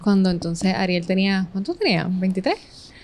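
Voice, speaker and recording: A woman's voice: mid-range voice, lively intonation, moderate pace, a little mellow, slight background noise. Giggly woman telling a story. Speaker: interview guest, business co-founder. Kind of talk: conversational interview.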